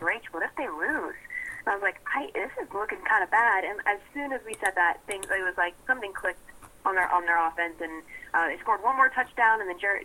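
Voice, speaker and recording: A woman's voice: medium pitch, sharp tone, a little hiss or hum, rough recording. Chatty young woman reporter. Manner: chatty, laughs often, many restarts. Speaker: sports reporter. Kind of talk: casual on-air report.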